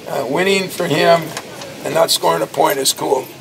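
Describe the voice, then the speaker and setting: A man's voice: on the high side, normal speed, creaky, distant mic. A man in his sixties, a college basketball coach, answering reporters in a crowded post-game press scrum outside a locker room, with an emphatic, anecdotal way of talking. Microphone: cluster of reporters' handheld mics at close range. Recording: noisy hallway, mic a step away.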